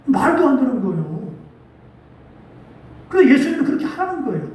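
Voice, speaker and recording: A man's voice: very high-pitched, very animated, a little fast, a little mellow. A male pastor preaching a sermon. He asks the congregation rhetorical questions and acts out quoted speech with rising emphasis. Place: church sanctuary. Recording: very echoey church hall, mic at a distance.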